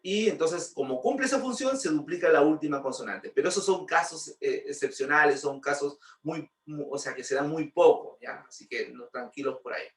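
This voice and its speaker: A man's voice: a little high, a little fast, few pauses, recorded from a distance. A man teaching English grammar, patiently repeating points and checking with rhetorical questions. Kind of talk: explaining grammar lesson. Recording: roomy, voice from off-mic.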